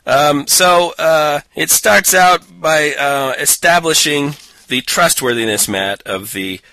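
In a low-quality recording with no echo, a man with a fairly high, sharp voice co-hosts a casual podcast. He speaks slowly, tearing into a book with sarcasm and mockery while laughing often.

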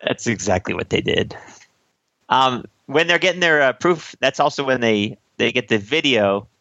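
Wry man, animated, bright, dry-miked. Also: mid-range voice, normal speed, dry recording, highs cut off. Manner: wry, joking. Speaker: co-host of a comedic movie discussion show. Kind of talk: casual banter, joking movie recap.

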